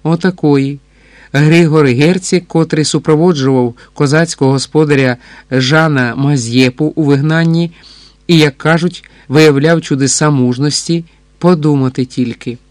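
A man voicing a courteous, curious foreign count in an audiobook, asking questions in a flattering tone. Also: fairly high pitch, normal speed, no echo, studio quality, close to an everyday voice. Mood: inquisitive. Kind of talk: audiobook dialogue reading.

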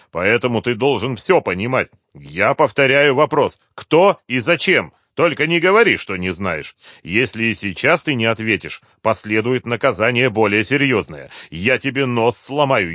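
A man's voice: mid-range voice, sharp tone, dry recording, clean studio sound, pitched above the performer's own voice. A male narrator voicing a hard-nosed male colonel who issues blunt threats and commands. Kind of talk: audiobook character voice.

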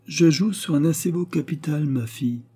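In an audiobook reading, a man voices a scheming, mocking baronet of around thirty, pushing his voice upward to sound smooth, teasing and coldly calculating. The result is a little high and mellow at a normal speed.

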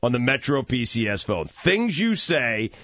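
A man's voice: medium pitch, sing-song, normal speed, a bit bright, no echo. A man in his late thirties hosting a sports radio show, chatty and plugging upcoming segments. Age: 30s. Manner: chatty, reads out phone number, plugs segments. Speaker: radio host. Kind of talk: casual sports radio banter. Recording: dull lo-fi radio audio.

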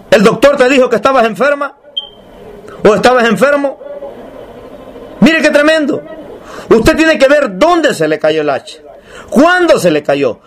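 Slight background noise accompanies a man with a very high voice as he preaches. His sermon is emphatic and repetitive, with rhetorical questions, and he reads scripture more slowly.

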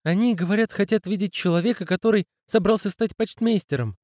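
A male reader voicing a timid young clerk who speaks in a halting, unsure way. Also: high-pitched, a little mellow, no room sound, studio quality, voice pushed up, lightly acted. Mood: nervous. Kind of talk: audiobook character reading.

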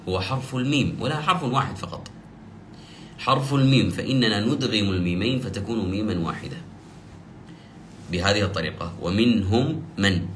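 A man teaching the rules of Quranic recitation, explaining step by step and slowly drawing out the example verses he recites. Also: on the low side, fairly bright tone, slight background noise. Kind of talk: tajweed lesson.

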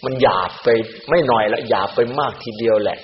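A man, a Buddhist monk, giving a Dhamma sermon in an animated way. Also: medium pitch, brisk. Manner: animated, acts out other people's words in quoted voices. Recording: roomy, dull-sounding recording with faint hiss.

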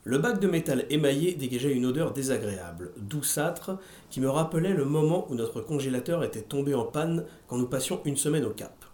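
A man co-hosting a podcast, reading a book passage aloud in a steady, deliberate way. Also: mid-range voice. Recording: echoey room.

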